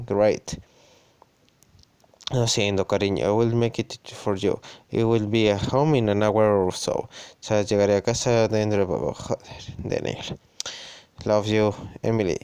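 Mellow Spanish man reading game text. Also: fairly low pitch, clear, resonant tone, dry recording. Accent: Spain Spanish. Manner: reads lines in halting English, then translates them into Spanish; casual, muttered reactions and swearing. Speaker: gaming YouTuber. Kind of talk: let's play, reading game text aloud.

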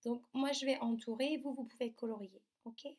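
A woman, teaching young children from her computer at home and slowly sounding out letters and words. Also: on the high side, steady tone, darkish tone. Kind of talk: remote lesson for young children. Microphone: computer mic.

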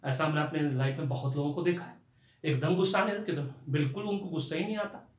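Male lecturer, fairly high voice, chatty life-skills lesson, rhetorical questions, echoey room. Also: fast. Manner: conversational, rhetorical questions, mixes in English phrases. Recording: roomy echo.

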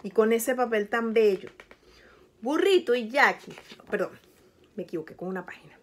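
Gentle woman reading a picture book to children. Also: a little high, lively intonation, moderate pace. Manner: gentle, speaks to the child listener. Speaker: storyteller.

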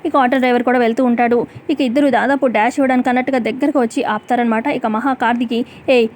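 A woman narrating a TV serial recap in a rapid, chatty storytelling way with repeated fillers. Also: on the high side, fairly even intonation, darkish tone, a little hiss or hum.

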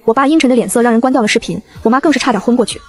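A woman reads a first-person novel aloud at a breakneck pace. Her voice sits somewhat high for a woman, and the reading stays brisk and scripted throughout. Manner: rapid, brisk storytelling. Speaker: audiobook narrator.

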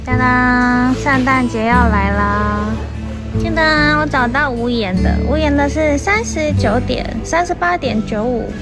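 High-voiced, chatty young woman. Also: a little slow, over loud music. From Taiwan. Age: young adult. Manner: chatty, playful, sings little "噔噔" jingles. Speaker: vlogger. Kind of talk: casual shopping vlog chat. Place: large indoor warehouse store, then a busy indoor food court. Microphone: handheld phone, at arm's length in the food court.

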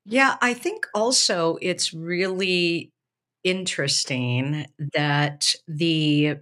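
A woman's voice: fairly low pitch, drawn-out words, fairly bright tone. A woman co-hosting a casual discussion about a Bible passage on a video call, thinking aloud with frequent restarts and fillers. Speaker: podcast co-host, preaching professor. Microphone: webcam on a video call.

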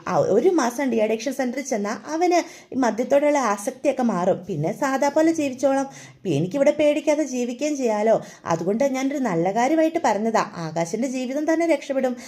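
A woman's voice: high voice, animated, a little fast, dark tone. A woman voicing a blunt young woman who threatens to leave the house. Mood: defensive.

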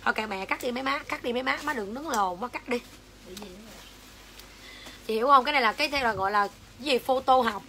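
A woman's voice: fairly high pitch, fast, long pauses, sharp tone, slight background noise. A young woman with a Southern Vietnamese accent selling skincare on a livestream, switching between coaxing sales patter and foul-mouthed rants at commenters. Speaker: livestream seller.

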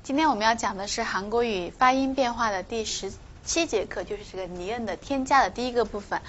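A woman's voice: fairly high pitch, slight background noise. Woman teaching pronunciation, dull recording. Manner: explains patiently, repeats example words slowly and stresses them. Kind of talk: online language lesson.

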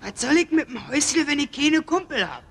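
A woman's voice: high voice, expressive, brisk, very noisy. A woman voicing a brash, slangy little punk boy in a cartoon. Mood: grumbling. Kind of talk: animated film dialogue.

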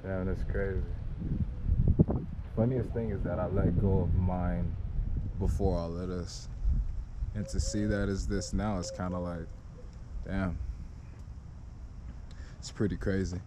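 A man's voice: low voice, fairly even intonation, unhurried, long pauses. A young man talking casually while walking outdoors on a neighborhood street, holding a 360 camera on a selfie stick, in a laid-back, slangy vlog. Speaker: vlogger. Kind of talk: casual walk-and-talk vlog. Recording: outdoor recording with clear street noise.

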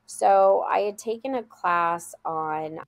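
Woman guest telling earnest stories, low-ish voice with some fry. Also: slow, no room sound. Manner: earnest, heartfelt storytelling. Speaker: school guide, guest. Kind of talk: casual storytelling interview.

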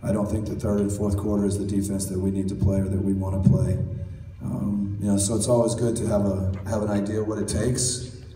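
A middle-aged man, a basketball coach, giving measured postgame press conference answers with many fillers, heard from across a press room. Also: on the low side. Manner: measured, steady, many "you know" fillers. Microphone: table mic, recorded from far in the audience. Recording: roomy, distant, faint hall noise.

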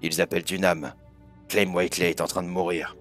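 A man's voice: low voice, flat delivery, fairly quick, gravelly, a bit bright, soft background music. A man voicing a guilt-ridden old recluse who mutters darkly and shrieks in terror. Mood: muttering.

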